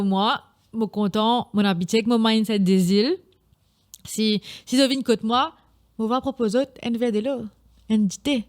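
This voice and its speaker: A woman's voice: on the high side, a little mellow. A young woman with a Mauritian Creole accent hosting a casual solo podcast, chatty and often slipping in English phrases. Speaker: podcast host.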